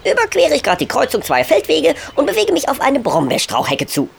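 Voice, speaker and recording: A man's voice: extremely high pitch, wildly swooping pitch, fairly quick, vocal fry, slightly rough, pitched above the performer's own voice, full character voice. A sweet, cheeky little angel boy. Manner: sweet, innocent and sly.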